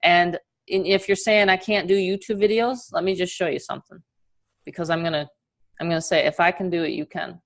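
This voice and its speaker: A middle-aged woman with a New York accent, giving an energetic, chatty motivational webinar as an online marketing coach. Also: on the low side, a little fast. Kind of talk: casual webinar presentation.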